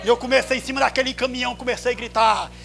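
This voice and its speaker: A Brazilian man preaching a sermon at a church service, swinging from hushed storytelling to drawn-out shouts. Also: very high-pitched, steady tone, gravelly, faint music behind. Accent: Brazilian Portuguese.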